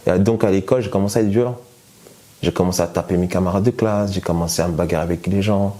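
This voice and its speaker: Speaking as a guest, this Frenchman shares a personal testimony in a conversational way. His voice is deep, mellow and even in tone, though he hesitates often, using many fillers and starting sentences over.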